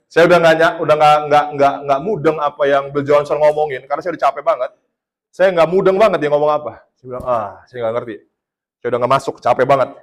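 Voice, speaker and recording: A man's voice: fairly high pitch, brisk. A man from Indonesia preaching a casual sermon, telling a testimony in a chatty storytelling way and laughing at his own jokes. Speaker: pastor.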